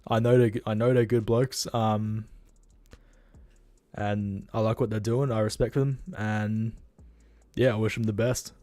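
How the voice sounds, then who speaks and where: Australian man, young adult, livestream host, tired, rambling and blunt, low-pitched, dry sound. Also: level tone, unhurried, dark tone, no room sound. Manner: rambling, blunt, swears freely. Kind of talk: casual livestream chat.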